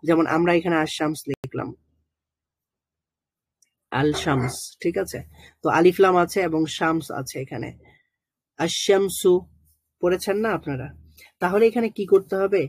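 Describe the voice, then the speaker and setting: Husky teacher. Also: medium pitch, dry recording. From Bangladesh. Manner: patient, pauses to sound out letters and syllables slowly; hesitant with frequent drawn-out fillers. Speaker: Quran recitation teacher. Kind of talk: online lesson explaining letters.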